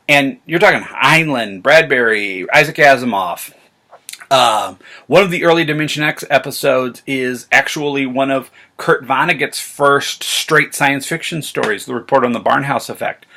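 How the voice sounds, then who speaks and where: With a fairly high, gravelly voice, an American man talks to camera in a loose, rambling way, full of fan excitement. He's a vlog host who reviews science fiction.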